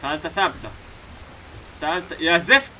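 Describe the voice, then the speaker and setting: A gaming YouTuber with a Levantine Arabic accent gives animated, slightly fast let's-play commentary, talking to himself and to the game. He swings from low muttering to sudden yells, over slight background noise and poor audio.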